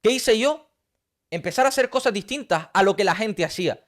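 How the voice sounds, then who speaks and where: A man's voice: high-pitched, expressive, brisk. A man, giving an intense, preachy motivational talk straight to camera and piling up rhetorical questions. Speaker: motivational coach. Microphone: talking straight to camera.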